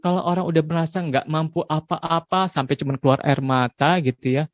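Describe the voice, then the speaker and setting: A man in his forties giving a parenting talk in a relaxed, conversational way, dropping frequent tag questions. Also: a little high, fairly quick, no room sound, studio quality. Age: 40s. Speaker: parenting speaker.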